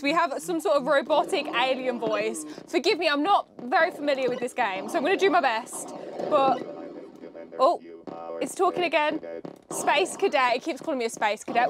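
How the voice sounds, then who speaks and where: A woman's voice: sits high, background noise. A young woman hosting a casual hands-on demo, chatting and explaining each step with a few fillers. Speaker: host.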